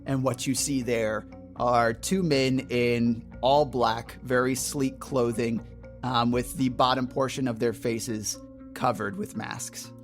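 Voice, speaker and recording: A man narrating a tabletop game as game master, describing scenes in a halting, deliberate way. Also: medium pitch, steady tone, soft background music.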